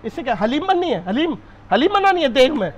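A high-voiced man runs a hidden-camera prank from behind a shop counter. He teases, stalls and plays innocent. Street noise sits behind him. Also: very animated, fairly quick. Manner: teasing, stalling, mock-innocent. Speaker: prankster shopkeeper.

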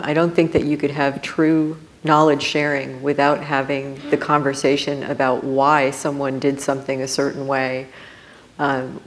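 Low-voiced woman on a panel. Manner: measured, reflective, with fillers. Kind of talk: conference panel discussion. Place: conference stage before an audience.

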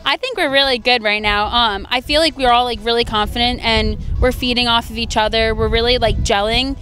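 A young woman college athlete answers questions into a handheld mic outside by the field. Her voice is a touch high for a woman. She chatters along in a bubbly way, dropping "like" all through. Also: steady tone, fairly quick, fairly bright tone, soft background music. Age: young adult. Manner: bubbly, peppers talk with "like". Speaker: college player. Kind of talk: postgame interview. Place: outdoor stadium by a sports field. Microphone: handheld interview mic held in front.

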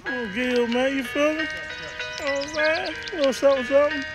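A man in his thirties vlogging while fishing off a riverbank, loud and laughing, swearing a lot, recorded on a phone camera outdoors. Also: very high voice, steady tone, a little fast, gravelly, over music. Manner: loud, laughing, profane hype talk. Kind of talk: casual fishing vlog banter. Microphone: phone camera held or propped nearby.

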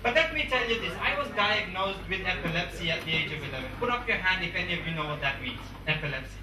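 With a handheld mic in a big, echoey conference room, a twenty-something Englishman gives students a forceful, repetitive motivational speech. His high voice moves quickly with lively intonation, and the distant camera catches a noisy background.

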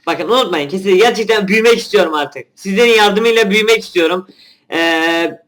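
A man's voice: sits high, fast, fairly bright tone. A young man, a gaming channel host giving casual gameplay commentary, chatty and grumbling at the game.

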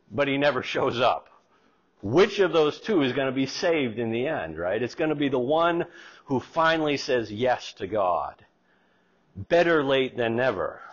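A man's voice: mid-range voice, fairly bright tone, husky. A middle-aged man preaching a sermon as pastor in a church sanctuary, reading scripture aloud with rising emphasis. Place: church sanctuary, in front of a wooden pulpit. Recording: slightly dull, lo-fi church recording.

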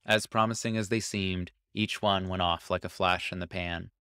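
A man with a low, deep voice narrates a short story in a calm, even manner. His tone is smooth and resonant. The recording is dry and close, with no room sound. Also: moderate pace, no echo. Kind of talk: scripted narration.

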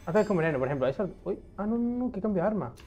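Excitable swearing man, mellow voice. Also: high voice, rapid-fire, faint music behind. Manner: excitable, swears often, talks to himself. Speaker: gaming streamer. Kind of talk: casual gameplay commentary.

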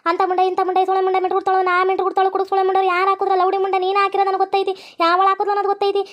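A woman voicing a feisty, foul-mouthed young daughter-in-law in a cartoon, with a North Karnataka accent and a sharp, scolding manner. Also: extremely high pitch, monotone, rapid-fire, lo-fi sound. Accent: North Karnataka Kannada.

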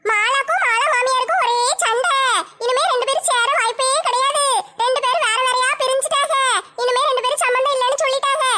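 A woman's voice: very high-pitched, fast, few pauses, bright, forceful tone, voice pushed up. A woman voicing a scheming, gossipy village woman, talking in a gloating sing-song.

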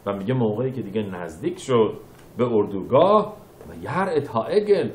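A man giving a sermon as a rabbi, reading verses and explaining them phrase by phrase, moving between quiet explanation and loud emphatic bursts. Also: lowish voice, big pitch swings, roomy sound. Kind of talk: sermon teaching scripture.

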